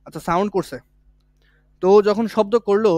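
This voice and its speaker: A man teaches a physics lesson for exam prep. His voice sits high, and it is recorded dry and close. He speaks casually and repeats each key point. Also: fairly even intonation, a little fast, darkish tone, no echo. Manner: colloquial, with village words.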